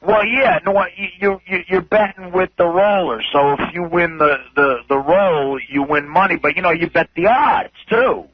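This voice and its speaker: A man tells a rambling story in casual radio chat. He stumbles and restarts his sentences in a somewhat high voice. The sound is dull and dry, like a radio studio feed. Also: normal speed, hardly any pauses, no room sound. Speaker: comedian, show regular.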